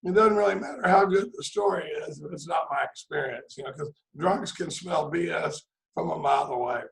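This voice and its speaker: A man in his 60s from Dallas, Texas tells his story at an AA speaker meeting over a video call from a room at home, rambling and joking with plenty of "I mean" and "you know." His fairly high voice is creaky, a bit bright and fairly quick. The room echoes and the audio is poor.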